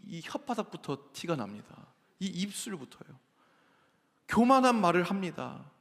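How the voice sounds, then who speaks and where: A man's voice: on the high side, gravelly. A man in his thirties preaching a sermon, telling a personal story earnestly and acting out quoted lines. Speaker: pastor. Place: large church sanctuary. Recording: echoey sanctuary with long reverb.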